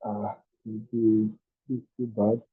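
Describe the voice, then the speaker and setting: A man lecturing on an online class while his audio glitches and drops, asking haltingly whether he can be heard. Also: on the low side, level tone, slightly rough. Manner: halting, many fillers, asks if he can be heard. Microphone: video call. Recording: tinny phone-like call audio.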